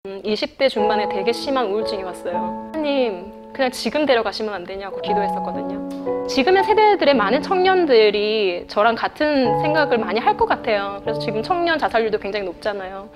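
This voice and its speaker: A woman's voice: fairly high pitch, animated, fairly quick. A woman in her thirties, a classical and gospel singer, answering interview questions in an earnest, candid way and laughing often. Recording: music bed under the voice. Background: soft instrumental music.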